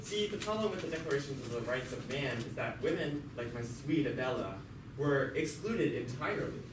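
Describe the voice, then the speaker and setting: A man with a mid-range voice, lively intonation and a slightly fast, lightly acted delivery plays a chatty jailed revolutionary telling his story in an amateur puppet show. He keeps it conversational and sardonic, stumbling over words in his asides. The recording is echoey, very noisy and captured from a distant mic.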